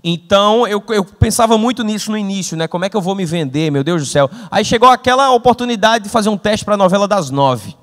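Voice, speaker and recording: High-voiced man, hall reverb. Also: fast, few pauses. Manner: animated storytelling with acted-out dialogue. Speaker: invited speaker. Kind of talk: humorous motivational talk. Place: event hall.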